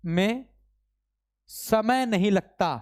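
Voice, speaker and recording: A man teaching a live online grammar class, constantly quizzing his students with quick repeated questions and urging them to answer fast. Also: high-pitched. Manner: urges students to answer fast, mock-scolding; reads out student names from chat.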